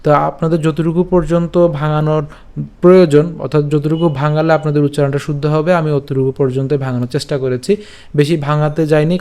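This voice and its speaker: A man's voice: fairly high pitch, mellow. Patient man teaching Sanskrit pronunciation. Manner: patient, repeats each syllable, checks understanding. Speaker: scripture recitation teacher. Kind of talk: slow syllable-by-syllable pronunciation lesson.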